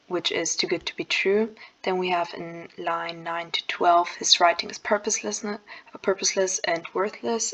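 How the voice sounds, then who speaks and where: A young woman calmly talking through a poem's structure over slides, thinking aloud with fillers and the odd self-correction. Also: on the low side, low-quality recording. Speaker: student explaining a poem. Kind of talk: casual explanatory lesson over slides.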